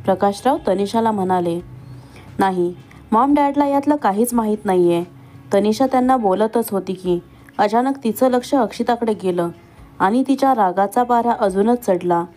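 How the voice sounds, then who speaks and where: A woman reading a family love story aloud, voicing each character in her own voice with dialogue pitched a little higher. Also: normal speed, dark tone. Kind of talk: scripted story narration.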